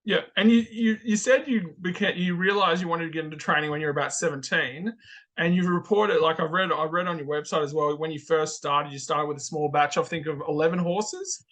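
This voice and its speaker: Upbeat guy hosting an interview, bright sharp voice, a bit higher pitched. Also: brisk. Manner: upbeat, affirming. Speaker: podcast host.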